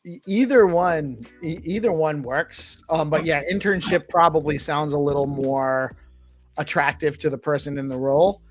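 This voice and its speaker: Higher-pitched easygoing male host. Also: moderate pace, soft background music. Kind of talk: casual chat.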